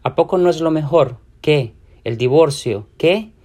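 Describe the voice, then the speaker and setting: A man's voice: on the high side, unhurried, a little mellow. A man voicing a chatty, distracted, flirty divorced woman friend, drawing out her breezy words.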